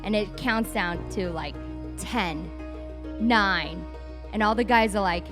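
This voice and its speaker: A woman's voice: medium pitch, moderate pace, music in the background. A woman in her thirties casually telling a story with lots of swearing, acting out her own and others' panicked shrieks. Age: 30s. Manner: animated, profane, acts out shrieking reactions. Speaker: vlogger.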